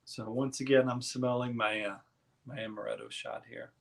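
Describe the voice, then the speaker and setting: Male live streamer, mid pitch, easygoing and rambling, casual chat with viewers. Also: moderate pace, creaky. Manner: relaxed, rambling, reads chat aloud.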